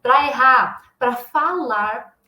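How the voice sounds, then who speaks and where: A woman teacher with a Brazilian Portuguese accent delivers an online lesson, insistent and emphatic, forever tagging her points with a quick question to check the listener is following. Her voice sits a little high. The room around her gives a noticeable echo. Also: pushed and bright. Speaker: English teacher.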